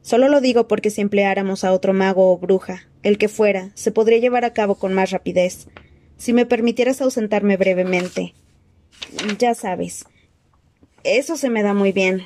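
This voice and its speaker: A woman voicing a nervous, fawning male servant who stammers and rises to a squeaky, panicked pitch. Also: normal speed, a little mellow, no echo, natural voice. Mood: panicky.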